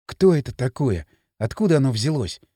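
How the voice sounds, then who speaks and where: A man's voice: mid-range voice, sing-song, normal speed, dark tone, husky, pitched below the performer's own voice. A man reading an audiobook voices a frightened teenage boy with tense, urgent lines.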